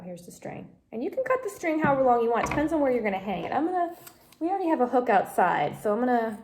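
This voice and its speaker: A woman with a fairly high, gravelly voice runs a home craft tutorial on a phone camera, patiently explaining each step while coaching a child beside her. She is a craft instructor, and there's background noise in the recording.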